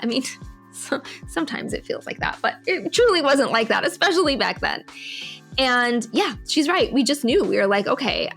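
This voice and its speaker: A middle-aged woman co-hosting a podcast, chatting casually in a reflective, unhurried way. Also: on the high side, fairly bright tone. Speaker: podcast co-host. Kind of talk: casual chat.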